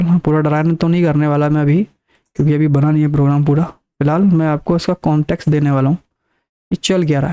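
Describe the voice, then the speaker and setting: A male programming teacher talks through his lesson one step at a time. His voice is warm and mellow, and he often repeats a point and counts items aloud to make it clear. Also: a little high. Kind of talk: screen-recorded coding lesson.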